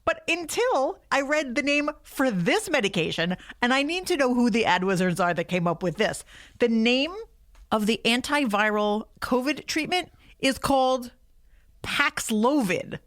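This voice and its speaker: A woman's voice: fairly high pitch, very animated, normal speed, fairly bright tone. A woman co-hosting a casual comedy podcast, chatting and ranting in an emphatic, incredulous, sweary way. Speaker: podcast co-host. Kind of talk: casual comic rant and chat.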